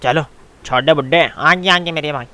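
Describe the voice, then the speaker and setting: Bright-voiced young man bantering. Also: on the high side, brisk, clear, resonant tone. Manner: bantering, teasing, calls others "my son". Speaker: machinima voice actor. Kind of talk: role-play narration for a game video.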